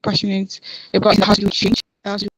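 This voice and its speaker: A woman's voice: medium pitch, completely flat delivery, normal speed, no room sound. A woman in her twenties with a Nigerian English accent, speaking earnestly in an online interview while her call drops out and her voice breaks up. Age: 20s. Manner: earnest, repeats words for emphasis. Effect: call dropping out, voice breaking up. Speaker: interview guest. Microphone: video call. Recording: dull lo-fi call audio.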